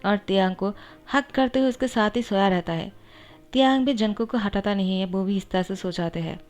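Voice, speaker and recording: A woman narrating a romance story in a plain, even storytelling voice. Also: medium pitch, brisk, faint music behind.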